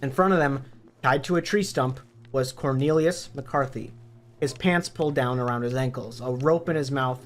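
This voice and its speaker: A hoarse man reading a story aloud in a plain, steady narrating voice. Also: mid-range voice, moderate pace. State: hoarse from illness.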